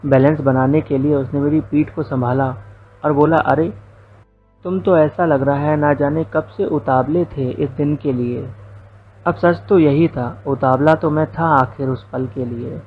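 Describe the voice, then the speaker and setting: A man's voice: on the high side, fairly even intonation, a little slow, narrow, tinny audio, soft background music. A young man narrating a first-person story, with quoted dialogue folded into his telling.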